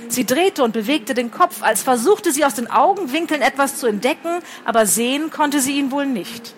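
A woman author reading her own novel aloud at a book fair, in lively, wry first-person narration. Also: high-pitched, normal speed, a little hiss or hum.

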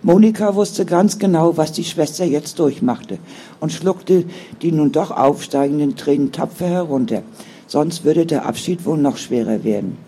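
A man calmly reading a novel aloud as audiobook narrator, in a measured storytelling way. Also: on the high side, slight background noise. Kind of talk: scripted narration.

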